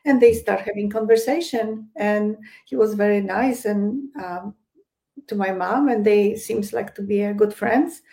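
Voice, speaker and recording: This interview guest, a psychic medium from Poland with a Polish accent, has a mid-range, dark-toned voice with vocal fry and a slightly slow pace. Her casual chat is hesitant, packed with fillers and restarts.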